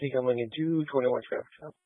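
A male police officer, speaking fast at a medium pitch, calls in traffic stops and spells out plates in a flat, matter-of-fact tone. His voice comes over a narrow, phone-like radio channel, dry and close with no room sound.

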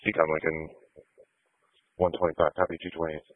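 Deep voice cop guy on the radio, spelling stuff out methodically, muffled sound. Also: level tone, fairly quick, no echo. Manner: methodical phonetic spelling, repeating. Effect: two-way radio. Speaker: police officer. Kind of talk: radio plate check call. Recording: dull, muffled police radio audio.

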